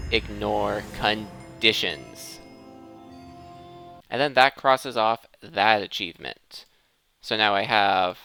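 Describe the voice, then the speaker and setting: Hosting a modded Minecraft video, a man offers casual gameplay commentary in a lowish, pushed, bright, clean voice, thinking out loud and correcting himself along the way.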